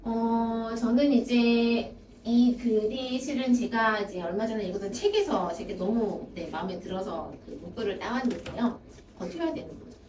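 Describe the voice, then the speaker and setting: This academy director, a woman with a slightly high voice talking at normal speed, addresses parents at an information session and acts out the excuses students give. Crowd noise surrounds her, and the recording sounds far off and echoey, with a faint hiss.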